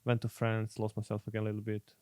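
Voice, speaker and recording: A young man from Croatia with a Croatian accent, a guest footballer speaking English in halting, repetitive phrases in a casual podcast chat. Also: lowish voice, monotone, darkish tone, no echo. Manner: halting, repeats words while searching for English.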